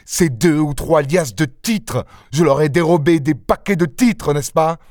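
A man's voice: a little high, normal speed, darkish tone, dry recording, clean studio sound, voice pushed up, close to an everyday voice. Man doing Arsène Lupin, raised and theatrical. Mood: indignant. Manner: indignant, scornful, theatrical. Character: gentleman burglar, young man, proud and quick-tempered. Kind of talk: audiobook character reading.

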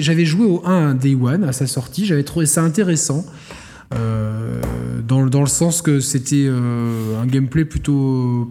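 A man's voice: mid-range voice, warm tone, long reverb tail. A man co-hosting a casual gaming podcast, rambling with many fillers and restarts. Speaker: podcast co-host.

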